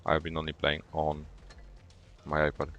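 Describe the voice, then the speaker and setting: Very deep-voiced Polish man streaming a game. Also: normal speed, highs cut off. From Poland. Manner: explains decisions while playing, relaxed banter. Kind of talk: live gameplay commentary.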